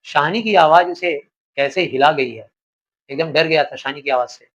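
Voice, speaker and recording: A male teacher walks students through a story, paraphrasing each line and checking they follow with rhetorical questions. His voice sits a little higher than most men's, and the recording sounds somewhat dull. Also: moderate pace, fairly bright tone. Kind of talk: explaining a literature lesson.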